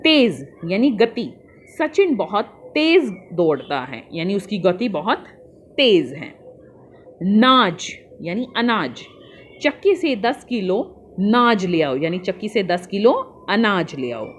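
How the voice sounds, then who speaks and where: A woman teacher patiently walking young children through a worksheet, spelling out answers slowly and calling her pupils "beta". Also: mid-range voice, sing-song, slight background noise.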